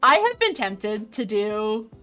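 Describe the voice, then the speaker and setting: A woman in her early twenties talks casually to her viewers at a desk microphone, reading out their messages and breaking into frequent laughter. Her pitch sits in an ordinary middle range. Soft music plays faintly behind her. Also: sing-song, slow. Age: 20s. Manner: chatty, reads chat aloud, laughs often. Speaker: streamer. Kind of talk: casual chat with viewers while drawing. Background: faint background music.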